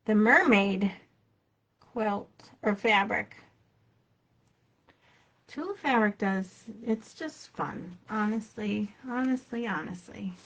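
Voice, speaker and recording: A woman's voice: mid-range voice, takes it slowly, pauses often, a bit bright, lo-fi sound. A woman hosting a live sewing demonstration, chatting casually to herself and viewers as she works. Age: adult with a child. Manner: chatty, talks to herself while working. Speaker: quilting shop host.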